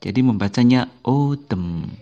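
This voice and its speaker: Male teacher, unhurried video lesson, patient and repetitive, mid-pitched voice. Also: animated, mellow, highs cut off. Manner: patient, repeats each word slowly for learners. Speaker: English teacher. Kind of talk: slow explanatory video lesson.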